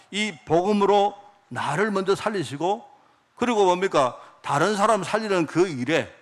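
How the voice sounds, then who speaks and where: In a fairly high voice, a middle-aged male pastor delivers a sermon, posing questions to the congregation and answering them himself. He tends to drop into a quiet aside as each phrase ends.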